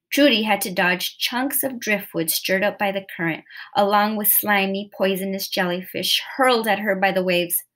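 A woman's voice: medium pitch, fairly bright tone. A woman narrating a nonfiction story aloud, reading steadily with the odd slip and self-correction. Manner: reads steadily with occasional slips and self-corrections.

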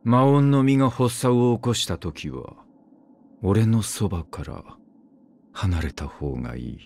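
A man voices a brooding immortal swordsman, weary and grim, for a game, speaking in terse, clipped lines. His expressive, low, curt delivery is a little slow and slightly mellow, with vocal fry.

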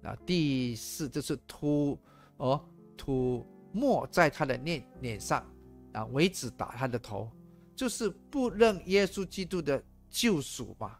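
Male pastor, gravelly tone, preaching with faint music behind. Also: a little high, a little slow. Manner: animated, mixes in English phrases, rhetorical questions. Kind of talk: sermon.

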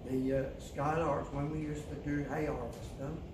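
Older farmer, distant outdoors. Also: male voice, a little high, level tone. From England. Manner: plain-spoken, unhurried, halting with fillers. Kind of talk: outdoor interview walk. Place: outdoors on farmland. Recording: roomy, distant with loud outdoor noise.

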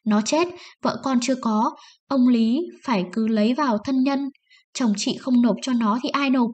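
Pompous village clerk man lecturing loud, read by a woman, audiobook. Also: a little high, normal speed, lightly acted.

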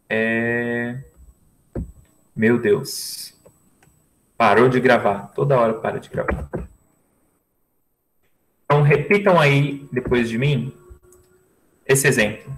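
A male English teacher who speaks slowly and deliberately, at a middling pitch. He teaches an online class over a video call and patiently repeats each word and phrase for his students. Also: low-quality recording. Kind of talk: online language lesson.

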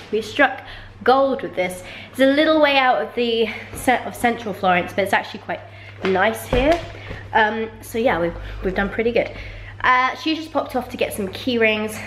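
A young woman, chatting candidly to a handheld camera in a holiday flat. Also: medium pitch, a little hiss or hum. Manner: chatty and candid, with small restarts. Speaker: vlogger. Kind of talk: casual vlog. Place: holiday rental flat, bathroom and sitting room. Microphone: handheld camera at arm's length. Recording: echoey small rooms.

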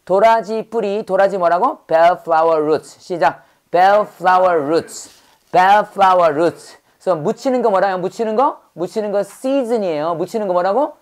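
Leading a fast call-and-response drill, a woman with a voice on the low side teaches English vocabulary. She rattles off rapid questions and says every word over and over.

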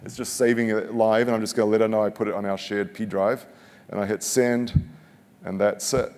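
A man in his forties speaks briskly in a lowish, darkish voice with a level tone while giving a joking, casual product demo live on a conference stage, often restarting his sentences. He uses a headset mic, and the big hall adds a long reverb.

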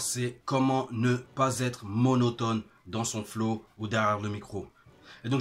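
French man coaching rappers on flow. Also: mid-range voice. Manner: energetic, explanatory, demonstrates rhythms by scatting syllables. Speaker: music coach for independent artists. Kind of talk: spoken video tutorial.

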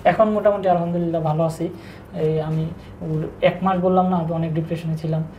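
A young man with speech, telling his own story in a halting, subdued way with frequent restarts. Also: a little high, fairly even intonation, lo-fi sound. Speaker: interview guest telling his breakup story. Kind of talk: casual personal storytelling. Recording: echoey room with faint background noise.

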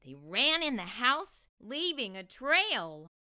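Wearing a lapel mic, a bright, animated woman hosts a children's storytime, reading aloud. Her smooth voice is on the high side, and her delivery is expressive and deliberate for young children.

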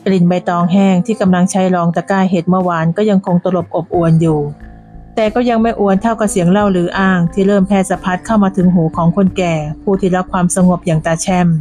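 A woman narrating a scripted village story in a measured, descriptive way. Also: fairly low pitch, steady tone, dark tone, soft background music.

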